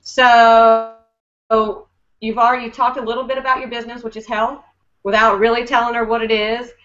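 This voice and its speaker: A woman's voice: medium pitch, fairly bright tone, dull audio. A woman giving a casual, upbeat coaching talk as a network marketing team leader, chatty and full of fillers.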